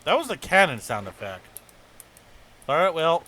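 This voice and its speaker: Excitable man commenting on gameplay. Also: fairly high pitch, a little slow. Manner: excitable, chuckling, talks to himself. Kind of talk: casual let's-play commentary. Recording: noisy game-capture recording.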